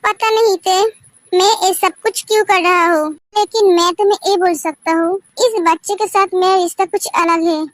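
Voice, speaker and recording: [name]: a woman reading a gentle young male doctor. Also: extremely high pitch, steady tone, moderate pace, dry recording. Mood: tender. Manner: soft, reassuring, tender. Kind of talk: amateur storytelling, all roles read by one voice. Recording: dry close mic with soft background music.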